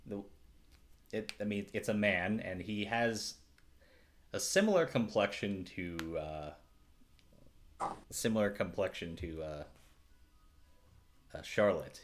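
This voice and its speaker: A man's voice: deep voice, a little hiss or hum. A man acting as game master, narrating a tabletop game in a hesitant way, full of fillers and restarts.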